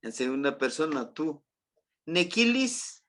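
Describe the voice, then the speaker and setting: Slow, patient Mexican teacher, man. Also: on the high side, sing-song, a bit bright. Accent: Mexican Spanish. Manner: patient, repeats words and checks in with "¿se acuerdan?". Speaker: Nahuatl language teacher. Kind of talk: classroom lesson.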